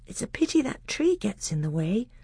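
A man's voice: high-pitched, sing-song, normal speed, warm tone, husky, no echo, studio quality, pitched above the performer's own voice, exaggerated voice. Man doing a wide-eyed boy prince. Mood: eager awed. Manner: raised eager whisper. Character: young boy prince, eager and awestruck.

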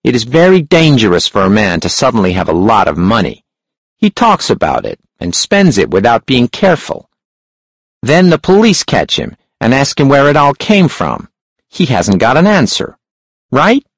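A man voicing a male hunchback crime boss in a storybook reading, with a sharp, high voice and a smooth, controlling manner. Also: wildly swooping pitch, moderate pace, no room sound, heavily acted. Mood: smooth, scheming. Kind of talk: audiobook character voice.

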